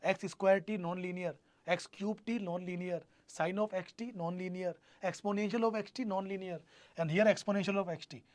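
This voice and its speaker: Male online tutor, North Indian accent, high voice, dry sound; repetitive, questioning, addresses students directly. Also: steady tone, moderate pace, no room sound. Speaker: teacher. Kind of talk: live online exam-prep lecture.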